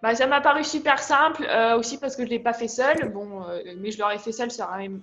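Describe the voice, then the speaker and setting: A young French woman being interviewed about her au pair job, talking in a relaxed, hesitant way with many fillers. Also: a little high, fast, lo-fi sound, faint music behind. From France. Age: young adult. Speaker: guest, au pair. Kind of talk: casual interview.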